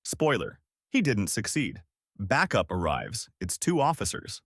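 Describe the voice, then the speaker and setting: A man's voice: lowish voice, wildly swooping pitch, measured pace, fairly bright tone, husky, no echo, clean studio sound. A man narrating a first-person story in a wry, sarcastic scripted style.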